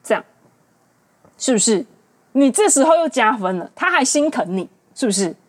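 Woman, late 20s, Taiwanese Mandarin accent, podcast host, exasperated rant, fairly high pitch. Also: moderate pace. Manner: animated, exasperated and ranting. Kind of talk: casual dating-advice monologue.

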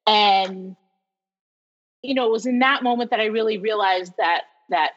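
A woman from New York in her forties, a professor telling stories as an interview guest in an animated way, laughing often. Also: medium pitch, moderate pace. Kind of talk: casual storytelling interview. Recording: dull lo-fi sound with long reverb.

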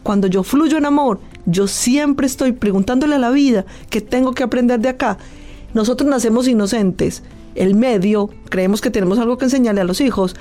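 A woman's voice: on the high side, fairly quick, warm tone, faint music behind. A woman from Colombia, a guest expert, explaining things in an earnest, lecturing way in a studio. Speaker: guest, clinical hypnosis expert. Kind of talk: explanatory interview talk. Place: studio booth.

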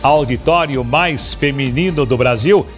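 A Brazilian man hosting a game show as a booming, showy prize announcer with theatrical delivery. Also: measured pace. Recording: loud music and crowd behind voice.

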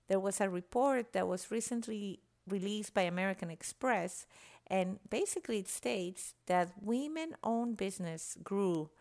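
A woman from Venezuela, speaking passionately and emphatically in a podcast monologue. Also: mid-range voice. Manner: passionate, emphatic, citing statistics. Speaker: podcast guest.

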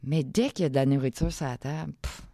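A middle-aged woman from Quebec, Canada, speaks with a Quebec French accent as an entrepreneur guest on a podcast. She talks casually and fast, thinking aloud in broken phrases, in a rumbling low, warm voice. The studio-quality recording has no echo.

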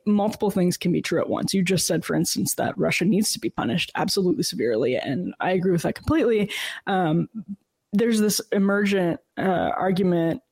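A woman's voice: fairly low pitch, darkish tone, breathy edge. A woman hosting a political talk podcast, thoughtful and drawing out long, carefully built questions. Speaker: podcast host.

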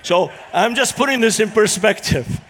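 High-voiced man preaching. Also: animated, moderate pace, fairly bright tone, husky. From Lebanon. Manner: humorous, storytelling, earnest. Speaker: guest speaker. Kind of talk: church talk to a congregation.

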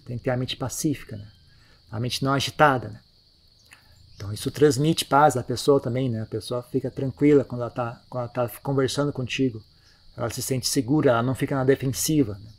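A man giving a relaxed, conversational Buddhist dharma talk, often ending phrases with tag questions. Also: mid-range voice. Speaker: Buddhist teacher. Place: monastery.

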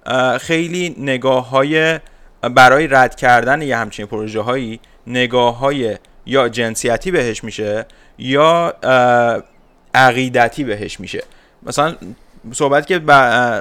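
A man's voice: medium pitch, fairly bright tone. A man interviewing an architect, polite and hesitant, with many filler sounds between his words. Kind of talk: interview questions.

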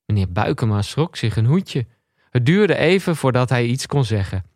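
A man reading a comic story he wrote himself, in a deliberate storybook narration. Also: medium pitch, big pitch swings, a little mellow, dry recording, studio quality. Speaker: comedian reading his own story.

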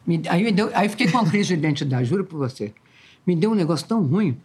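Uma mulher de oitenta e poucos anos com sotaque mineiro, falando de forma descontraída e brincalhona, com exclamações. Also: female voice, fairly low pitch, animated, quick pace, darkish tone, slightly rough. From Ubá, Minas Gerais, Brazil. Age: 80s. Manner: talkative, jokey, exclaiming. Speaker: interviewed singer, twin sister. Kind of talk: casual chat.

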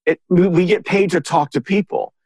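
Man, podcast guest, higher-pitched, dry close sound; punchy, exasperated storyteller. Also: moderate pace, breathy edge, no room sound. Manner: emphatic, animated anecdotes with exasperated rhetorical questions. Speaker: sales author and interview guest.

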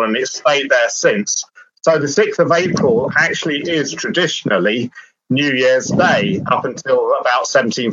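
A man on a panel, explaining rules in steady detail. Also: medium pitch, no room sound. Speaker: panel expert. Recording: dry, dull lo-fi sound.

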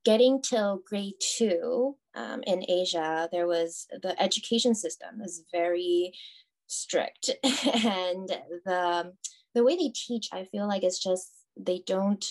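A woman from Taiwan in her thirties, chatting as a podcast guest, soft-spoken and chatty with frequent fillers and light laughs. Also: mid-range voice, takes it slowly. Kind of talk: casual interview conversation.

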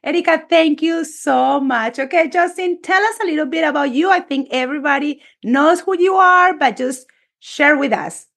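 A woman hosting a podcast interview over a video call, enthusiastic and expressive as she welcomes her guests. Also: sits high, moderate pace, vocal fry. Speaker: podcast host. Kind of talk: casual interview chat.

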